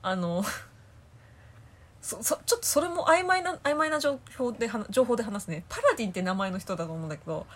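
A woman co-hosting a casual talk podcast, chatting in a lively, giggly way and jumping high when excited. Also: fast. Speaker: podcast co-host. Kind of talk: casual chat.

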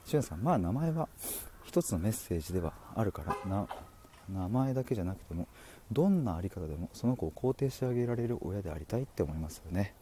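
A man hosting a casual livestream, reading out listener comments and chatting in an animated way with frequent laughs. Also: a little hiss or hum. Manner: chatty and animated, laughing often, with quick pitch jumps. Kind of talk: casual solo livestream chat.

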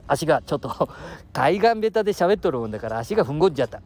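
Outdoors by the sea, a man in his sixties from Aichi hosts his own show in Nagoya dialect, chuckling and rambling from one topic to the next in casual solo chat. His voice is on the high side, a little mellow, very animated and rapid-fire.

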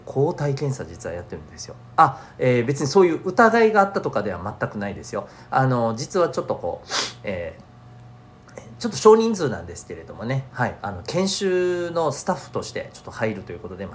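Man with a stuffy nose, very lively pitch. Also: brisk, a little hiss or hum. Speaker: host of an audio show for schoolchildren and parents. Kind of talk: chatty solo podcast talk.

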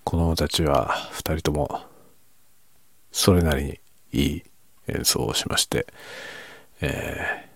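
A man hosting a quiet late-night solo chat, talking in a soft, unhurried, rambling way from his bedroom. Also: a bass voice, fairly even intonation, gravelly, no room sound. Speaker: podcast host.

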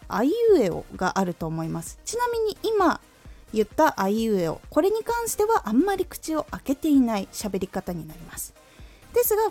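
A woman, a former voice actress, talking through speaking tips on her own radio show in a clear, careful, teacherly way. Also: high-pitched, darkish tone. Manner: clear, careful teacherly delivery with deliberate demonstrations. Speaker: voice-training radio host. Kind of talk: scripted tips talk.

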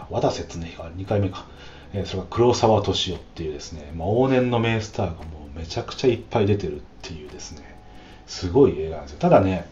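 Deep-voiced man chatting on a podcast. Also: a little mellow, reverberant, highs cut off, slight background noise. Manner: chatty, with frequent drawn-out "um" fillers. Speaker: podcast host. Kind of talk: casual solo podcast talk.

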